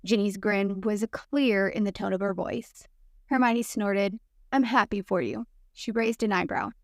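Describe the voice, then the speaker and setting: A woman's voice: mid-range voice, steady tone, a little slow, no echo, clean studio sound. Woman narrating a fanfic audiobook.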